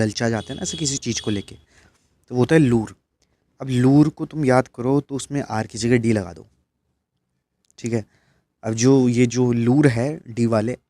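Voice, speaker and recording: A man's voice: mid-range voice, dark tone, no echo. A man teaching English vocabulary for exams in a casual, chatty way, often checking in with his listeners. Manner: chatty, keeps checking in with "ठीक है?". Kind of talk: casual exam-prep lesson in Hindi.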